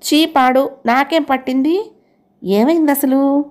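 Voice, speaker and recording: A woman's voice: sits high, moderate pace, darkish tone, voice pushed up, lightly acted. A woman voicing a sarcastic, nosy female office clerk in an audio novel. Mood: mocking. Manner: mocking, nosy.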